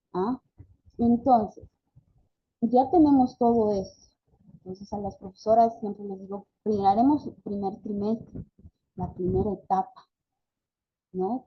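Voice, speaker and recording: A woman teaches a speech therapy class in a slightly breathy, husky voice. She keeps restarting her phrases and checks in with her listeners as she goes. Her voice sits in a middle range, and the recording sounds dull and lo-fi. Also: mid-range voice. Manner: frequent self-corrections and tag questions. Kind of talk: online class lecture. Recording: dull lo-fi audio.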